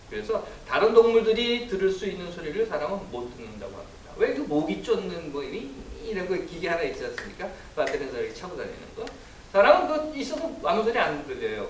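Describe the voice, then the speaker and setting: Korean pastor preaching in an echoey hall. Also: male voice. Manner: storytelling, acting out quoted voices with big swings in pitch and loudness. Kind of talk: Sunday sermon. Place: church sanctuary. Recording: roomy echo from a distant mic, faint hiss.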